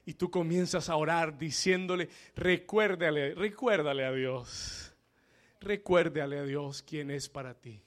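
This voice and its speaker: A man preaching a sermon, repeating his lines in English after Spanish and building into shouted declarations of prayer, calling on the congregation to respond. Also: fairly high pitch, measured pace.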